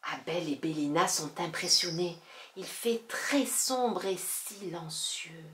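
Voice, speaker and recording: A woman reading a children's story aloud, slow and gentle, lifting her voice for the characters. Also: lowish voice, reverberant.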